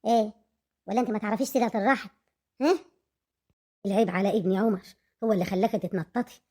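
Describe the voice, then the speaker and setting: A woman's voice: mid-range voice, fast, lightly acted. A woman playing a harsh, nagging older mother-in-law, speaking with an Egyptian accent in a comedic web skit. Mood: scolding. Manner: nagging, insulting, sharp-tongued.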